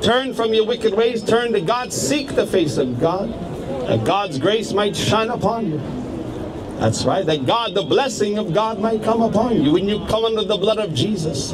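High-voiced male street preacher. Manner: urgent, repetitive exhortation with hallelujahs. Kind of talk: open-air street preaching. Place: busy city street outdoors. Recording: loud street noise. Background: traffic and street noise.

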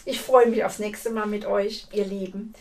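A woman reading a fairy tale aloud to children in an expressive way, talking to her listeners directly. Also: mid-range voice, normal speed, recorded from a distance. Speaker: storyteller.

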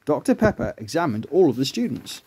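A man reading a children's story aloud in a lively, animated way. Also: a little high, brisk, breathy edge.

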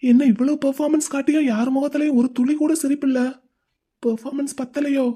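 A woman voices a caring, playful young man in a Tamil cartoon, using a high, warm, natural voice that moves fast with fairly even intonation. In a chatty way, the character teases and coaxes his weeping older sister.

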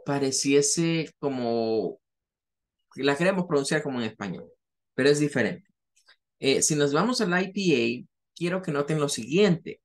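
A man teaching an English lesson, explaining patiently step by step and repeating words slowly to show their pronunciation. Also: mid-range voice. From Latin America. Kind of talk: recorded online lesson.

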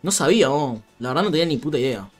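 Young Rioplatense-accented male streamer, loose chatty delivery, slightly high pitch, faint music bed. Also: expressive, racing. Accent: Rioplatense Spanish. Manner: chatty, laughs often, reads out viewer comments. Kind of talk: casual live-stream football chat.

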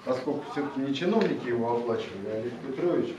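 A man's voice: mid-range voice, animated, very fast, far from the mic, a crowd in the background. A man in his thirties gives a casual spoken introduction as a poet in a room. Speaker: poet introducing own poem. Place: gallery room with seated guests at tables. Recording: muffled, noisy, echoey room recording.

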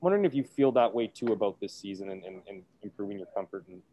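Male reporter, lowish warm voice, quick winding questions. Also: lively intonation, rough recording. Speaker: sports reporter. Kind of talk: press conference question.

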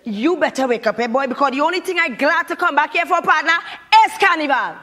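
A woman's voice: sits high, expressive, fast talker, sharp tone. A woman playing a sassy Trinidadian woman in a comedy sketch, speaking in a Trinidadian accent with a put-on American twang. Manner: sassy, showy, putting on airs. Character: brash Trinidadian woman back from New York. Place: airport car park outdoors.

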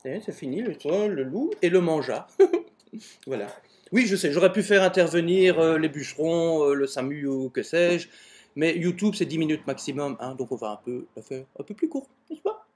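A man with a slightly high, darkish voice and lively intonation tells a comic fairy tale at a moderate pace, dropping in mock-exasperated asides. He's an amateur video maker, recording on a webcam in front of a door at home.

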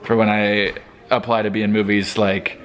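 A man's voice: on the low side, level tone, moderate pace, lo-fi sound, a little hiss or hum. A man filming a casual vlog in a shared house, joking around and laughing often. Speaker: vlogger.

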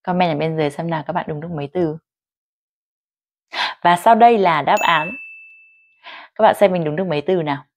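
A middle-aged Vietnamese woman teaching an English dictation lesson online, reading sentences slowly and clearly, then explaining them in Vietnamese. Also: lowish voice, a little mellow, no echo.

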